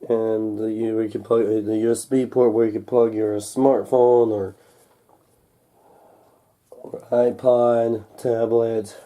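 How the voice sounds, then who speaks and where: A young man with a mellow voice on the low side, a little congested from a recent cold, hosts a casual, unscripted unboxing at home. He handles the packaging over a table, muttering haltingly to himself, as a camcorder mic close overhead records.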